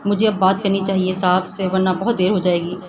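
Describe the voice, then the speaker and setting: A woman voicing a timid young wife who speaks softly and pleads. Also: mid-range voice, flat delivery, lightly acted. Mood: pleading. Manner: pleading, soft. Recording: noisy background hiss.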